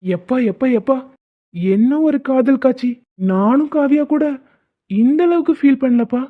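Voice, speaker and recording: A woman's voice: on the high side, normal speed, close to an everyday voice. A woman voicing a confident young man in a cartoon drama, who talks in a teasing, commanding way. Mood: mocking. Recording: dry, phone-like lo-fi.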